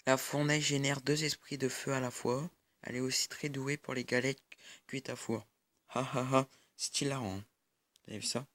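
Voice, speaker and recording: A man's voice: medium pitch, steady tone, normal speed, a bit bright, no room sound. A young man giving casual mobile-game commentary over a recording of his screen, hesitant and full of fillers. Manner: hesitant, many fillers and restarts. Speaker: gaming YouTuber.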